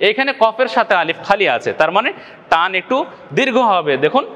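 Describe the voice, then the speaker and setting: Bangladeshi Bengali teacher, male, high voice, patient and repetitive, long reverb. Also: expressive, fairly quick, a bit bright. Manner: patient, repeats each point, often asks the viewer if they follow. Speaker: Quran recitation teacher. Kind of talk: video lesson.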